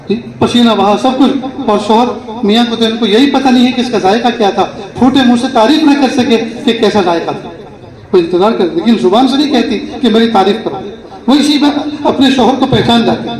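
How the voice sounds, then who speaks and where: High-voiced male preacher in an echoey hall. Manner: conversational storytelling, acting out family dialogue. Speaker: Islamic preacher. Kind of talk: sermon. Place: gathering hall with a live audience. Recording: echoey hall with crowd laughter. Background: audience laughter.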